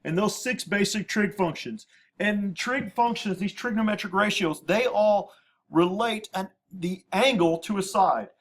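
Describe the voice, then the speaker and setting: A man's voice: high-pitched, measured pace. A man teaching a lesson at a whiteboard, patiently repeating terms and spelling out abbreviations. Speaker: math teacher. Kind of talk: classroom lecture at a whiteboard.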